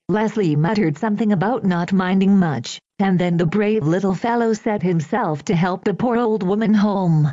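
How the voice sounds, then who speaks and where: A woman reading an old children's story aloud in a gentle, even storytelling manner. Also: mid-range voice, dry recording. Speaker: audiobook reader. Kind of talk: storybook narration. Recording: dull, dry lo-fi recording.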